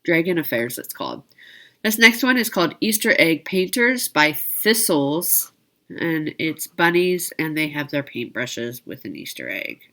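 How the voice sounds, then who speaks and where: With a low-pitched, slightly bright voice and big swings in pitch, a woman unhurriedly walks viewers through products for a needlework shopping video. Her talk is loose and conversational, full of asides and self-corrections.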